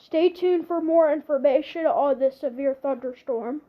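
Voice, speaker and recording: On a dull-sounding recording, a high-voiced woman improvises a mock emergency alert announcement. She delivers it haltingly, repeating herself and starting over often.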